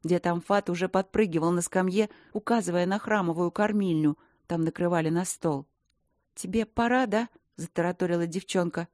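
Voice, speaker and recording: A woman with a fairly low voice narrates a fantasy audiobook in a steady, expressive storytelling manner. The recording is dry and close, with no room sound. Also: fairly quick, hardly any pauses, no echo.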